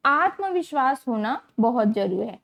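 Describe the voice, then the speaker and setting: In her exam-prep lecture, a woman teacher slowly repeats key terms and tests understanding with rhetorical questions. Her voice sits on the high side, very animated and gravelly, with a fairly bright tone.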